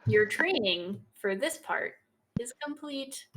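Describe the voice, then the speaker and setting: A woman runs a tabletop game as game master, speaking slowly and deliberately. Her voice sits a little high. She narrates in a playful, encouraging way. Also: expressive, a bit bright.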